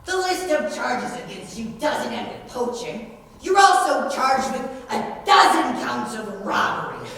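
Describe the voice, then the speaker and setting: A teenage woman playing a pompous, blustering sheriff who is indignant at outlaws, in a high school stage play. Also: expressive, a little slow, vocal fry, fairly bright tone, heavily acted. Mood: accusing. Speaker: student actor. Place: school stage or auditorium, indoors. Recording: distant mic, very echoey noisy hall.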